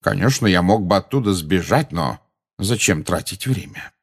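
A man voicing a calm, genial old wizard who speaks slowly and with quiet amusement. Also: sits low, creaky, breathy edge, exaggerated voice. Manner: slow, unhurried, gently amused.

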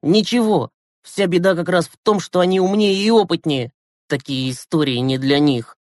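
A man reading an audiobook, voicing a gloomy, cynical teenage boy who speaks in a sharp, bitter way. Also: fairly high pitch, normal speed, no room sound, clean studio sound, pitched above the performer's own voice, close to an everyday voice. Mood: angry.

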